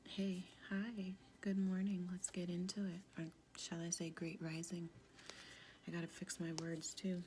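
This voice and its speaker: A woman with a deep, sultry, husky smoker's voice gives a soft-spoken, casual tarot reading in a halting, informal way. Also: level tone, noisy background. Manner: halting, informal, with pauses and frequent "like". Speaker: tarot card reader.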